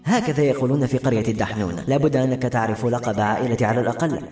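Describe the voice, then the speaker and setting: A man's voice: medium pitch, racing, darkish tone, roomy sound, soft background music, natural voice. A man voicing an earnest young fisherman's son. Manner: eager, questioning.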